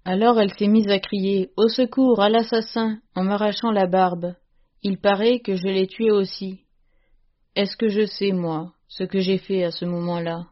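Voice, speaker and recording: A woman reading a story aloud at a steady, measured pace. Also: medium pitch. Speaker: reader. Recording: muffled lo-fi recording.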